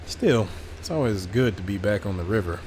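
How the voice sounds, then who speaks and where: A man reading the lines of a weary, lone male riverboat traveler in a slow, reflective way. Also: lowish voice, animated, darkish tone, a little hiss or hum, natural voice. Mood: wistful.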